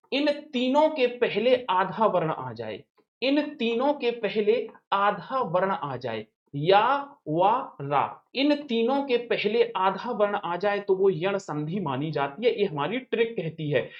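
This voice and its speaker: A man's voice: high-pitched, dull audio. A man teaching an exam-prep grammar lesson, repeating each point and asking and answering his own questions while calling viewers brother. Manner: addresses viewers familiarly as brother.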